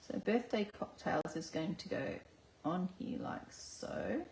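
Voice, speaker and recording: A woman's voice: on the low side, lively intonation, slow pace, vocal fry, a little mellow. An Australian woman giving a live card-making demonstration, chatting and talking herself through each step at her crafting table. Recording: echoey room, faint background noise.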